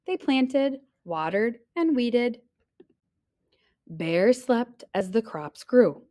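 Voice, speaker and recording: A woman with a voice on the high side reads a children's picture book aloud. She tells the story deliberately and expressively.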